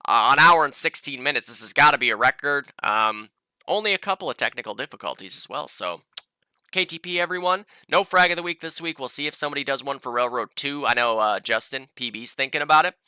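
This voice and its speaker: A man with a congested, nasal voice talks in a casual, loose way, swearing now and then. His tone is very bright and clear. The recording is close and dry. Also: medium pitch, lively intonation, fast, dry recording. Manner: casual, profane, lots of fillers. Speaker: podcast host. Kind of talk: casual esports match preview.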